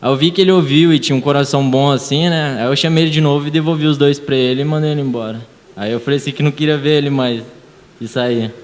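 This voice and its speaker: A man's voice: a little high, fairly even intonation, fast talker. A young man from Brazil with a São Paulo accent, telling a personal story casually with many fillers at a church youth meeting. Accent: São Paulo Portuguese. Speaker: youth group member. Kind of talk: casual testimony. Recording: reverberant church hall.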